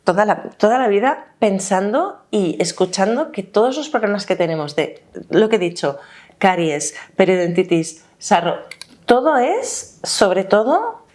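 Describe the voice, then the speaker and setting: Woman, podcast host, mid-pitched voice, casual prompting questions. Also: very animated, a little slow, darkish tone. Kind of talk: casual interview.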